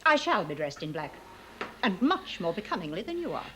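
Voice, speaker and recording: A haughty leading actress, quick to take offence. Her mid-pitched voice moves lively up and down. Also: slight background noise, low-quality recording. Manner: haughty, indignant. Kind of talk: 1970s televised stage drama.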